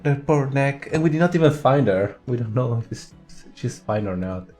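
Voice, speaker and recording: A man hosts a game livestream, chatting casually and muttering asides while he plays, with faint music in the background. His mid-range voice has a darkish tone, lively intonation and a moderate pace.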